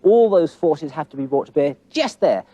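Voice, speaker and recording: Lively coaxing tennis coach, man. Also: on the high side, normal speed. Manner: coaxing questions with tag questions; counts rally hits aloud. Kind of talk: on-court teaching demonstration. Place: tennis court. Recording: dull lo-fi old TV recording.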